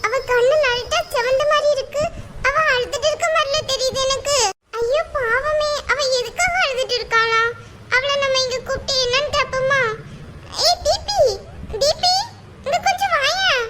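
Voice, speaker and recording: A curious, caring little cartoon girl, with a very high, bright voice. She keeps asking questions with worried sympathy. Faint background noise sits under her. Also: fairly even intonation, normal speed. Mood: concerned. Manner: inquisitive, sympathetic. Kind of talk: cartoon voice acting.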